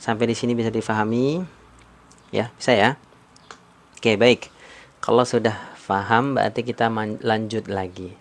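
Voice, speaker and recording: A man's voice: lowish voice, steady tone, moderate pace, long pauses. A man teaching Quran recitation rules on a live stream, repeating points and quizzing his viewers. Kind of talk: live-stream tajwid lesson.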